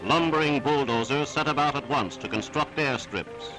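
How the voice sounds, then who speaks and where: Over loud music, a man delivers emphatic, declamatory narration for an old wartime newsreel. He speaks at a medium pitch and moderate pace, and the audio is poor, with old newsreel character.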